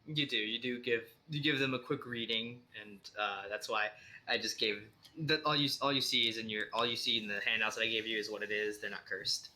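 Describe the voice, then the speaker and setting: A man narrating a tabletop role-playing game as dungeon master, relaxed and full of fillers and restarts. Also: on the low side, brisk.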